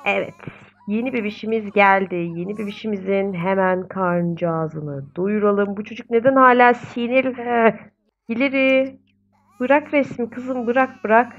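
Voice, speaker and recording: A woman's voice: mid-range voice, measured pace, highs cut off. Chatty, exasperated woman narrating her gameplay. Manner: chatty, exasperated, coos at the game babies. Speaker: gaming video host. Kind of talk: casual gameplay commentary.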